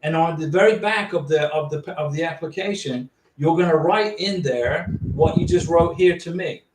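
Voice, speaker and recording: Hosting a casual livestream, a man with a fairly high voice reads out viewer questions and answers them plainly at a normal speed. The recording is roomy and noisy, and he sounds distant from the mic in an echoey room with clear background noise.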